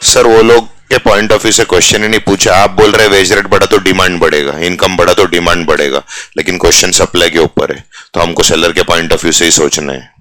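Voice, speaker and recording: Deep-voiced, bright, teasing teacher. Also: male voice, fairly even intonation, fairly quick, no echo. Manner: teasing, jokey, mixes English phrases into Hindi. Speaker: commerce teacher. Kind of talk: live classroom lecture.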